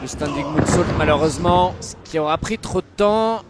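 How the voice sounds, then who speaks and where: An excitable, opinionated man doing live wrestling commentary, full of exclamations. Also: a little high, moderate pace. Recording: loud crowd and venue noise. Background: noisy live wrestling crowd.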